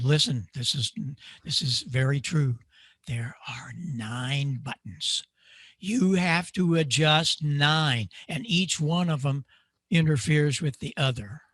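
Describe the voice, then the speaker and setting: A man's voice: a little high, dry recording. An older man who builds microphones, presenting to a club over a video call and quizzing himself with rhetorical questions. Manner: lively demonstrator, asks himself rhetorical questions. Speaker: guest speaker, microphone maker. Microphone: video call mic.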